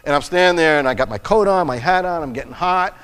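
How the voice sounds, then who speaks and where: A middle-aged male pastor delivers a sermon in an earnest, personal storytelling manner, often restarting his phrases. His voice sits fairly high for a man. A long church reverb trails behind each phrase. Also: quick pace, a bit bright, clean tone. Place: church sanctuary.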